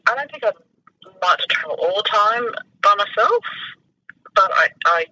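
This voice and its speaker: Middle-aged woman, casual and wry, halting starts, very sharp bright tone. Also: medium pitch, animated, muffled recording. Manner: hesitant starts, repeats words, wry. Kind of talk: casual chat.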